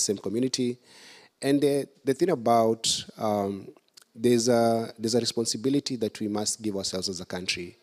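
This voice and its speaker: A man's voice: lowish voice, a little mellow. A man with a Kenyan accent, answering audience questions as a political candidate at a conference, earnest and building his points step by step. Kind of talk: public Q&A at a conference.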